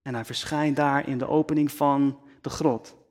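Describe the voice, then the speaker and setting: A man preaching a sermon slowly and deliberately, often dropping to a near-whisper for emphasis, speaking into a microphone. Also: medium pitch, steady tone, a little mellow. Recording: long hall reverb.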